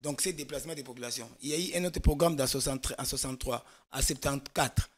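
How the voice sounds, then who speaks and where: Speaking fast in a mid-range voice, a Congolese guest expert holds forth on a political talk show. He explains things at length, leaning on emphasis and restarting often.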